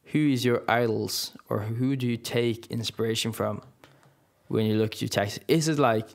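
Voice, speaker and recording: A man's voice: mid-range voice, creaky. A young man, chatting casually and rambling with many restarts and fillers. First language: Norwegian. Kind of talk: casual chat.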